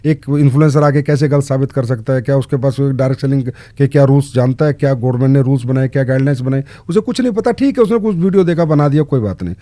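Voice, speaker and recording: A man's voice: mid-range voice, fast talker, hardly any pauses, warm tone, dry recording. A man answering interview questions in an earnest way, stressing points with short repeated commands. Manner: emphatic, lists short commands. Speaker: guest in direct selling.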